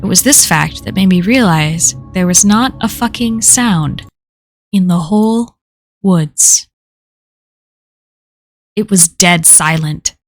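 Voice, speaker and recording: A woman reading a horror story aloud on a live stream, in a measured storytelling manner that slows at the tense moments. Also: fairly low pitch, no room sound, soft background music.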